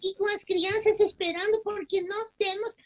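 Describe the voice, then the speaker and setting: A man's voice: steady tone, moderate pace, fairly bright tone. A man voicing a cheeky young boy puppet in a children's church segment, talking in a playful, teasing sing-song way. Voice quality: squeaky, high childlike voice.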